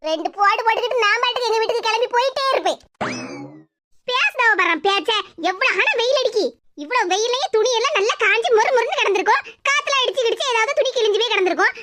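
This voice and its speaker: A bold neighbor woman from a cartoon, voiced by a woman, talks in a chatty, outspoken way with a Tirunelveli Tamil accent. Her voice is very high and bright and comes quickly. Faint noise hums behind her. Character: bold, sharp-tongued neighbor woman who comforts others. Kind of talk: cartoon voice acting.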